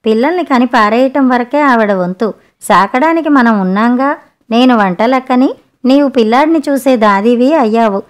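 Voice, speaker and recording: A scolding, self-pitying older mother-in-law, voiced by a woman storyteller. She complains at length in a somewhat high voice. It sounds like a plainly read audiobook story. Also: lightly acted. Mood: grumbling.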